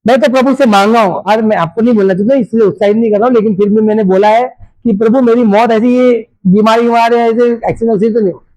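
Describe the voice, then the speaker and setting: A man's voice: sits high, steady tone, fast talker, dark tone, dry recording, rough recording. A man preaching a sermon as a pastor, fervent and speaking directly to his congregation in a church.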